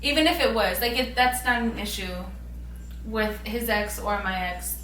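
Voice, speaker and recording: A woman's voice: on the high side, normal speed, sharp tone. A tipsy young woman chatting casually as she answers viewer questions in a vlog. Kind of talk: casual couple Q&A chat. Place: bedroom. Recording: roomy, distant mic, background hiss.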